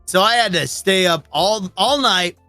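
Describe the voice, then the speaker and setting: Bright-voiced man telling stories. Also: high voice, unhurried, faint music behind. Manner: profane, animated storytelling. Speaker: podcast guest, streamer. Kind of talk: casual podcast chat.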